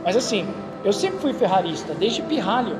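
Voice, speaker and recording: A man's voice: high voice, normal speed, heavy background noise. A Brazilian man, a racing driver and instructor, chatting casually in an interview and telling stories with frequent check-in questions. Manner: animated storyteller, frequent "entendeu?" tags.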